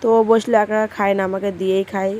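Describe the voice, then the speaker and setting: A woman's voice: mid-range voice, flat delivery, very fast, darkish tone. A woman, chatting to viewers in a casual home vlog. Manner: chatty, talks to viewers directly. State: hoarse. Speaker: vlogger.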